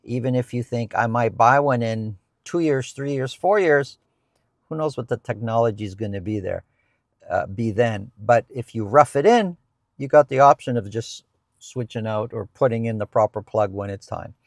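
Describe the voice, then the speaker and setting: A man's voice: mid-range voice, normal speed, no room sound, studio quality. A middle-aged man, a real estate agent, answering viewer questions in casual chat from a parked car, explaining with frequent restarts and repeated words. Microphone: lapel mic.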